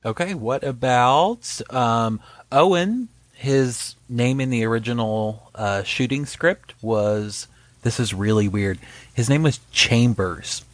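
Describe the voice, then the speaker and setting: Chatting casually on a podcast he co-hosts, this man cracks jokes about a TV show and drifts off into filler words. He has a mid-range voice, speaks slowly, and there's no room sound.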